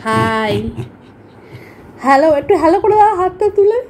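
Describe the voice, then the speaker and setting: Woman talking baby talk to her dog at home, teasing it, really high voice, bit of noise. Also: very animated, moderate pace, darkish tone. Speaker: dog owner filming her pet. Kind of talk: casual pet vlog, talking to a dog.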